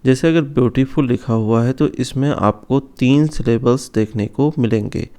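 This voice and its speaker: A man teaching English grammar in an online lesson, slowing down to stress each example word. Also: medium pitch, dark tone, clear, resonant tone. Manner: slow, careful stress on example words.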